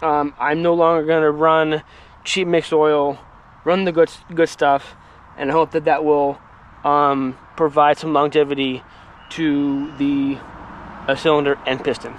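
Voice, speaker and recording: Male vlogger, slightly high voice, casual rambling demo talk recorded outdoors in a yard. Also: little pitch movement, measured pace, dull audio. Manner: chatty, rambling asides. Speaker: firewood channel host. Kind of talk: casual equipment demo vlog.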